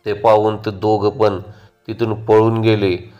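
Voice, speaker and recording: A man narrating a horror story in a steady, measured way. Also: on the low side, muffled recording, soft background music.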